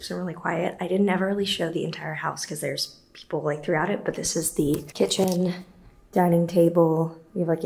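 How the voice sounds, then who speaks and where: A young adult vlogger holds her phone at arm's length to film herself around a holiday villa, both indoors and out on sunny terraces, chatting candidly to camera. She swears freely and drags out casual fillers in a lowish, slightly mellow voice. A little hiss or hum comes through the recording.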